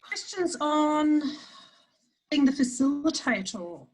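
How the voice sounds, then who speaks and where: A woman's voice: sits high, sing-song, slow, a little mellow, low-quality recording. An Australian woman leading an online workshop over a video call, chatty and often restarting her sentences while explaining. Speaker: webinar facilitator. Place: home office, standing.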